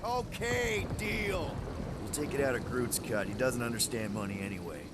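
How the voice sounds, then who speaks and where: A man's voice: medium pitch, lively intonation, moderate pace, very noisy, close to an everyday voice. A man playing a flippant team leader in a sci-fi video game, casual and wisecracking. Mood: wry. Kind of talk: video game character acting. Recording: loud game music behind.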